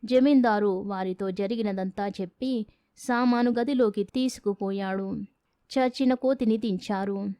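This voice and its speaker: A woman narrating a folk tale for an audiobook in a steady, measured way. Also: mid-range voice, no room sound, dull audio. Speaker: storyteller.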